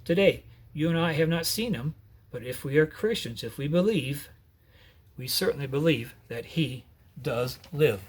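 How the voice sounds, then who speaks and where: A man retelling a Bible story in an earnest, measured way, with short pauses. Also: fairly high pitch, expressive, breathy edge.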